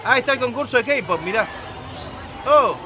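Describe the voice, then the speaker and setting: A man's voice: extremely high pitch, expressive, moderate pace, over music. A man with a Rioplatense Argentine accent giving slangy, joking, casual livestream commentary on a video game. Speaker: game streamer. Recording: noisy game audio behind voice. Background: video game sound.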